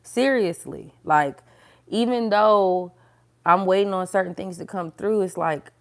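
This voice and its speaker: A woman's voice: medium pitch, unhurried. Candid woman giving casual faith talk. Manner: candid, conversational, encouraging, with frequent fillers and laughs.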